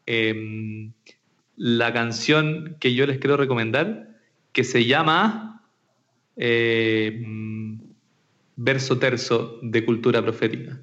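A man from Chile answers as a guest on an interview podcast, halting and repeating words as he thinks. His voice sits at a middle pitch. The audio comes through slightly dull and muffled, like a remote connection. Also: a bit bright. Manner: hesitant, many fillers and repeated words. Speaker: entrepreneur guest.

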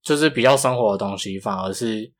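A man with a marked Taiwanese Mandarin accent and flat, non-retroflex consonants, chatting casually as a podcast co-host. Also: fairly low pitch, a little fast. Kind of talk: casual chat.

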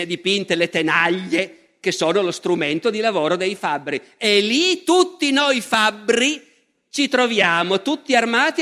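A man giving a public history lecture in an animated, conversational way, speaking straight to his audience. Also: high-pitched. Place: large festival lecture hall. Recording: long hall reverb.

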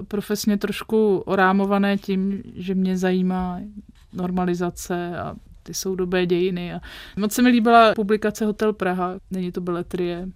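A woman, a literary critic speaking as an interview guest, thoughtful and measured, often pausing to find her words. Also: mid-range voice, no room sound. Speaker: literary critic and magazine editor.

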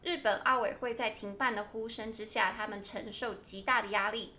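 A young woman with a Taiwanese Mandarin accent, co-hosting an English-lesson podcast, spelling words out slowly and reading English aloud. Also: mid-range voice, fairly even intonation, bright, forceful tone, slight background noise. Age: young adult. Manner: spells words out slowly, short agreeing replies. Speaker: podcast co-host teaching English.

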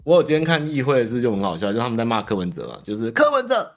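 A young man with a Taiwanese Mandarin accent rattles off casual political commentary as a show host, and his speed never lets up. He rambles and sneers, and he keeps tacking a drawn-out filler sound onto his lines. His pitch sits in the middle range for a man. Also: expressive, a little mellow. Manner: rambling, sarcastic, trailing filler "哦". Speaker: host answering viewer mail.

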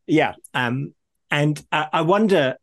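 A man's voice: fairly high pitch, expressive, slow. A man interviewing in a conversational way, musing tentatively and restating his thoughts as he goes.

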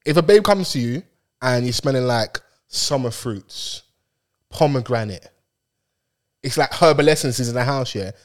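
A man's voice: mid-range voice, animated, measured pace. A young man with a London roadman accent, bantering casually and teasingly in slang as a podcast host.

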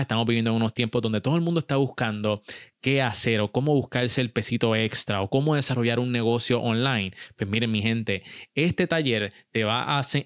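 A man's voice: medium pitch, fairly bright tone, clear, resonant tone, dry recording, clean studio sound. A man hosting and producing a podcast, chatty and upbeat. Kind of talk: casual podcast interview.

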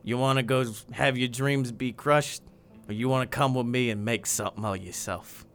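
A man's voice: medium pitch, fairly even intonation, normal speed, a bit bright, a little hiss or hum, lightly acted. Man doing a pushy New York-accented hustler voice, salesman patter. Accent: put-on New York. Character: pushy fast-talking New York hustler, male adult.

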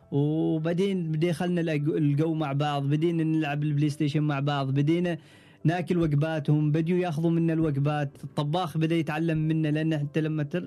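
A young man with an Omani Arabic accent, telling stories as a podcast guest in a relaxed, casual interview. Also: on the high side. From Oman. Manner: relaxed storytelling, frequent trailing restarts. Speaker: podcast guest, ship engineer.

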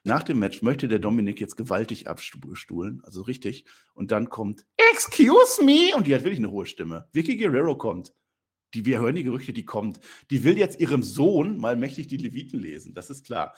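A man's voice: brisk, breathy edge. A man hosting a casual talk show, retelling a fantasy wrestling storyline and jumping into character voices. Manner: animated storyteller, jumps into high squeaky character voices. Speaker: podcast host.

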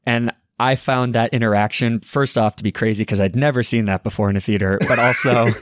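A man hosting a film review podcast, telling stories in a relaxed, conversational way. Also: mid-range voice, a little fast, slight background noise. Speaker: podcast co-host.

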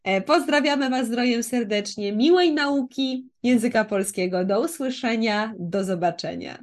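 A woman's voice: on the high side, moderate pace. A woman with a Polish accent teaching a conversational language lesson as co-host, repeating examples and checking that they are understood.

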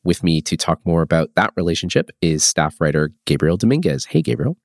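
Deep, nasal male podcast host with a cold. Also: very animated, fairly quick, vocal fry, no echo, clean studio sound. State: stuffed up with a cold. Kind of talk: scripted podcast presenting and interviewing.

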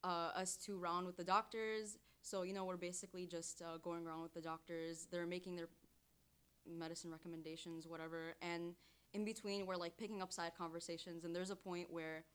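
A woman's voice: lowish voice, a little fast, clean tone. A young woman from Syria, a podcast guest, telling stories animatedly and acting out what others said. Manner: animated storytelling, quoting others. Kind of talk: casual podcast chat. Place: studio.

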